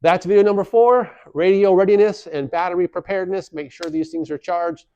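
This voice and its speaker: This instructor in his forties sits high in pitch, with a mellow, clear and resonant tone, fairly even intonation and a slightly quick pace. Speaking plainly and reassuringly for a community video series, he's in a small plain office indoors with a collar-clipped lavalier. There's no room sound, though the audio is dull.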